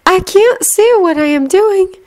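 Woman doing a high, dreamy girl with a distant, floaty voice; storybook reading. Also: measured pace. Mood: dreamy, calm. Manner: soft, dreamy, faraway way of talking. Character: dreamy, distant young witch girl, calm. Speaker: narrator reading a story aloud.

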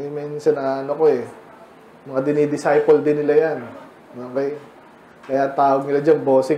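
A man's voice: fairly high pitch, roomy sound, muffled recording, slight background noise. A man with a Filipino accent preaching a sermon in a church, in a casual, joking style with frequent asides. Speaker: pastor.

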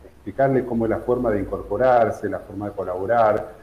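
A middle-aged man from San Juan, Argentina, explaining his charity's work in a remote news interview, measured and full of fillers. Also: lowish voice. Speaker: charity director guest. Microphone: video call. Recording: echoey room, dull video-call audio.

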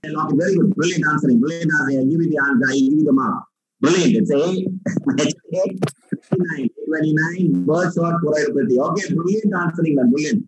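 A man's voice: on the high side, fast talker, low-quality recording. A man with a South Indian accent hosting a live quiz over a video call, encouraging and often repeating his questions and phrases. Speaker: quizmaster. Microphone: computer mic on a video call.

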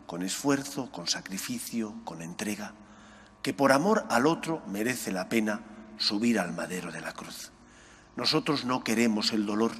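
A middle-aged male priest reading the gospel and preaching a homily at an ambo, earnest, his voice rising on questions and dropping soft on key words. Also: on the low side, breathy edge. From Spain. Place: chapel sanctuary, at an ambo. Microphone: gooseneck mic on ambo. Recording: long church reverb.

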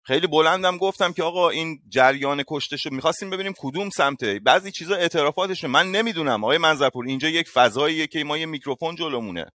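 Bright-voiced man calmly placating. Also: on the high side, no echo. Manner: measured, apologetic, placating. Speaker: host of online voice room. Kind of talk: calm conciliatory talk.

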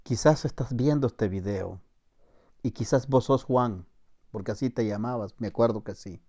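A middle-aged Salvadoran man, a former soldier, telling a story to camera with acted-out shouted commands. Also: mid-range voice, moderate pace. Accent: Salvadoran Spanish. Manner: acts out shouted commands, laughs, voseo slang.

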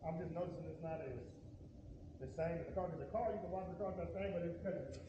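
A middle-aged vlogger and father with a high voice chats quickly while washing a motorcycle, lecturing his son in loose slang with preachy, teasing fatherly talk. He's on an outdoor driveway beside a house, filmed by a camera some distance off. The sound is dull, with steady background noise.

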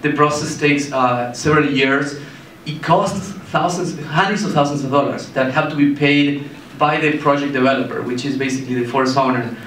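Holding a mic in a meeting room with a projector screen, this thirtysomething founder from Argentina gives his presentation in a mid-range, fairly bright voice with fairly even intonation. He stumbles along, restarting often and leaning on fillers. The recording comes from a far-off camera, leaving an echo and a light hiss.

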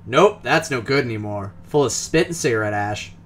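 A man's voice: medium pitch, expressive, normal speed, a bit bright, a little hiss or hum, close to an everyday voice. A man doing a jovial hungover Midwestern doctor. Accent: loose Midwestern US (put on). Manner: jovial, boastful, rambling. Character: cheerful hungover male cyber-doctor in his forties.

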